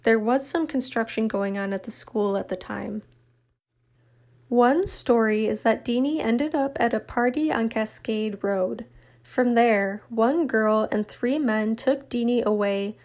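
Woman reading a true crime script. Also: on the high side. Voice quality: even, matter-of-fact reading. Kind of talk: scripted narration.

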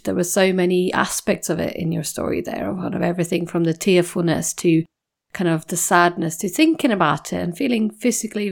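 A woman's voice: fairly low pitch, gravelly. A woman hosting a podcast interview, speaking reflectively and thoughtfully. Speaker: podcast host.

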